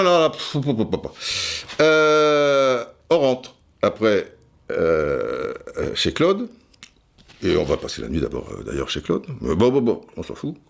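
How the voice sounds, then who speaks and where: A man's voice: low-pitched, vocal fry. A man hosting a podcast, telling a rambling, digressive story with many restarts and asides. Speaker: podcast host. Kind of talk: casual storytelling monologue.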